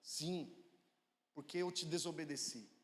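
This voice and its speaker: A stubborn little five-year-old boy who turns sorry, speaking softly and quietly, as a preacher puts him on. His voice sits high and rings out in a long church reverb. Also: unhurried. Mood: remorseful.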